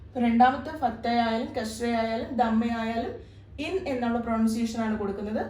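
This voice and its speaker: A woman's voice: fairly high pitch, a little fast, a little mellow, far from the mic. A woman teaching an Arabic lesson step by step, patiently repeating each point. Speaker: Arabic tutor. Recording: echoey room, somewhat off-mic.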